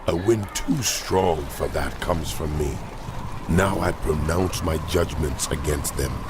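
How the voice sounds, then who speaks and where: A very deep, wrathful God. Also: male voice, takes it slowly, background noise. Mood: grave judgment. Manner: solemn, authoritative, declamatory. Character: God, a wrathful, commanding male deity pronouncing judgment. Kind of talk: dramatized scripture reading.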